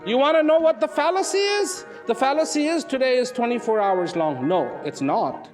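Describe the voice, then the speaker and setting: A man giving a dramatic motivational narration, slow and emphatic, asking rhetorical questions and sometimes dropping to a near whisper. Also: very high voice, expressive, a little mellow, faint music behind.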